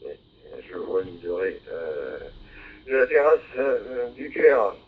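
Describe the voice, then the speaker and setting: Very animated yet measured in pace, a man with a lowish voice chats over a ham radio link, full of hesitations and fillers as he spells call signs phonetically. The handheld mic audio, decoded by a receiver, is tinny and narrowband digital with faint hiss.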